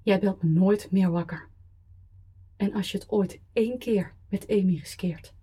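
A woman's voice: mid-range voice, a little slow, dark tone, breathy edge. A woman voicing a cold, contemptuous ex-wife who speaks in a controlled, iron voice. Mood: icy contempt. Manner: controlled, icy, cutting.

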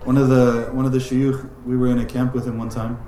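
A man's voice: mid-range voice, level tone, a little fast, dark tone, a little hiss or hum. A man teaching a religious lesson in a casual, conversational way, filling his talk with "like" and "right?" asides. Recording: roomy echoing room.

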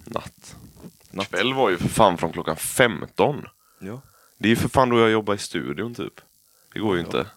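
A young man hosting a casual podcast chat, a lively storyteller who swears freely and laughs often. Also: on the low side, no room sound. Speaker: podcast host.

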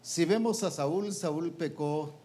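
A man's voice: on the high side, slow, dark tone. Man preaching, quizzing his listeners. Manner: colloquial, trailing "pues" and "¿va?". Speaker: preacher teaching a ministers' meeting. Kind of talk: interactive sermon.

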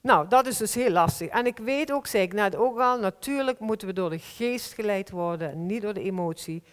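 A woman preaching a sermon to a congregation in a heartfelt, earnest way, slowing down to stress key phrases. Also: mid-range voice. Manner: earnest, heartfelt, with slow emphatic stretches. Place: church hall. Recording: long hall reverb.

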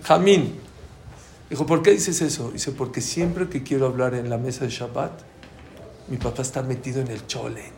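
A man teaching a Talmud class to a live audience, lively and quizzing listeners with questions. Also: medium pitch, moderate pace. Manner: animated, asks the audience questions. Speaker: Torah teacher. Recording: roomy room with faint ambience.

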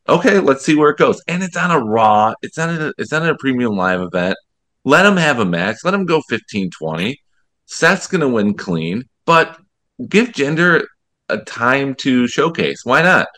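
A man's voice: medium pitch, very animated, moderate pace, fairly bright tone. A man co-hosting a wrestling podcast, arguing his point emphatically. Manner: argumentative, making a point emphatically. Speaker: podcast co-host. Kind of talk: casual wrestling podcast chat.

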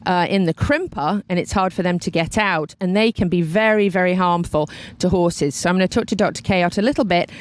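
A woman's voice: on the low side, fairly quick, dry recording. A woman talk show host introducing a subject and interviewing a guest.

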